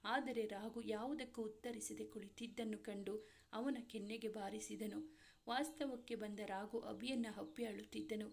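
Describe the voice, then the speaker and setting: A woman storyteller reading a serialized romance story aloud in steady, dramatic narration. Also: medium pitch, normal speed, gravelly.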